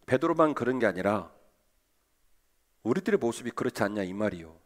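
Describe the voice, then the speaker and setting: A man preaching a sermon as pastor, lively and asking his listeners rhetorical questions. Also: mid-range voice, brisk. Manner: animated, asks the congregation rhetorical questions.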